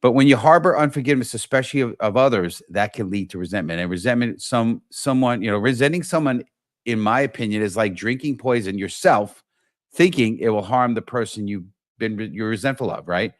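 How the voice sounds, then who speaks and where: A man's voice: lowish voice, fairly quick, dry recording, studio quality. A middle-aged man hosting a live-stream talk show, enthusiastic, often restarting and repeating words as he talks to viewers. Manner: enthusiastic, repetitive, many restarts. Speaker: show host.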